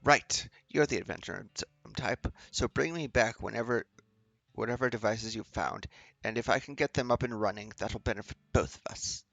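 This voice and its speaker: An eccentric male professor who tinkers with odd machines, explaining things in an eager rush, as a man reads him aloud. The voice sits low and gravelly, with a dry, close sound. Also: normal speed, a bit bright, no echo, lo-fi sound.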